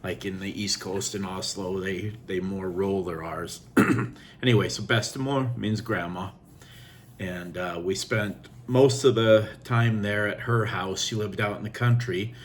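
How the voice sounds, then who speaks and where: A man's voice: sits low, fairly even intonation, unhurried, slight background noise. A man in his sixties from Norway with a Norwegian accent, casually reminiscing in a rambling vlog monologue full of fillers. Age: 60s. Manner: rambling, warm storytelling with fillers and switches into Norwegian. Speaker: vlogger.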